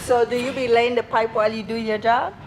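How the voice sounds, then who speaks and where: A woman's voice: a little high, steady tone, a little fast, poor audio. A woman hosting a dating show, asking teasing, playful questions. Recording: loud crowd behind.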